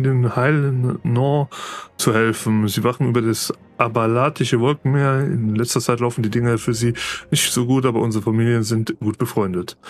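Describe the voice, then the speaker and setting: A man's voice: medium pitch, close to an everyday voice. A man reading the lines of an eager, boastful young noble son in a game, plainly read aloud.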